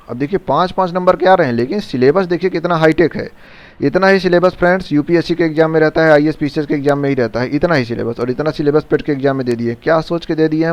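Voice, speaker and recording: An earnest man explains an exam syllabus in a direct, teacherly way. His voice sits a little high and sounds smooth and clear. It is recorded close on the mic in a dry room. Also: no room sound. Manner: earnest and direct, addresses viewers as friends.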